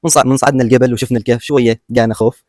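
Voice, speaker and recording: A man's voice: mid-range voice, fairly even intonation, racing, darkish tone, no echo, studio quality. An Omani man being interviewed as an adventure participant, casually recounting his experience.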